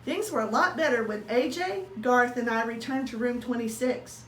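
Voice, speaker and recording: A woman with a somewhat high, slightly bright voice reads a kids' story aloud at an ordinary speed, teacher-style, acting out each character's dialogue with lots of expression. It's captured on a distant mic in a roomy space with faint noise behind her.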